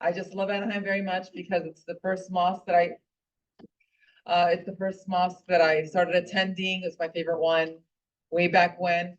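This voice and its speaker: A middle-aged woman giving a heartfelt, impassioned personal speech at a political club meeting, speaking earnestly with frequent fillers and restarts. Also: on the low side. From Puerto Rico. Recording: distant, dull lo-fi room recording.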